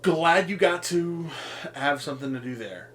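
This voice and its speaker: A man's voice: a little high, expressive, moderate pace, a bit bright, slight background noise. A man co-hosting a casual podcast, rambling through a list with frequent ums, swearing and laughing at his own jokes. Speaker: podcast co-host.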